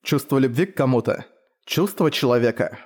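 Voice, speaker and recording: A man voicing a calm, mocking ghostly father in a fantasy audiobook, speaking softly and unhurriedly. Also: mid-range voice, normal speed, husky.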